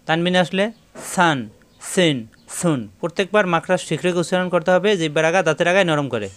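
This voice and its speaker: A man's voice: sits high, steady tone, rapid-fire, clean tone. A man teaching a recitation lesson step by step, repeating syllable drills and speaking directly to his viewers. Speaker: Quran reading teacher.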